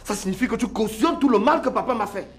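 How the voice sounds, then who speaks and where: A woman's voice: on the high side, fast talker, soft background music, lightly acted. A woman voicing a hurt older brother who reproaches his sister. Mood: reproachful.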